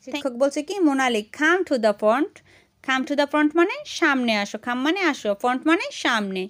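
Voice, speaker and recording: A woman with a Bangladeshi accent teaching a primary English lesson, saying English phrases slowly and carefully. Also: sits high, expressive, no room sound, studio quality.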